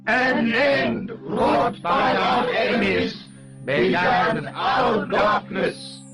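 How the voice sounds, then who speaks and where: Actors voicing hooded cultists in a video game, intoning a ritual chant very slowly. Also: male voice, sits high, a bit bright, heavily acted. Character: chanting hooded cult voices.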